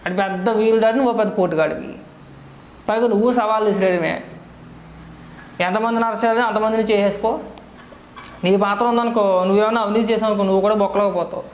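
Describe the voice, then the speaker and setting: Rapid and high-pitched, a male commentator fires off sarcastic rhetorical questions in a scolding political monologue. The voice rings in an echoey room with a faint hiss behind it. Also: fairly even intonation.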